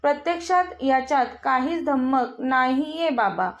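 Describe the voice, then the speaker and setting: A woman's voice: sits high, unhurried, dull audio. A woman reading the part of a brave, defiant young woman who pleads with her father, in a storybook reading. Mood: pleading.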